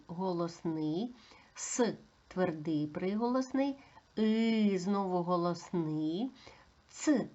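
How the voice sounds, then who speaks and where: A woman teaches small children to sound out words, talking slowly and patiently and singing out each vowel. Her voice is mid-pitched and unhurried. The recording is a little dull and lo-fi. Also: darkish tone. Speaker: preschool teacher. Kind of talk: slow, deliberate phonics lesson for small children.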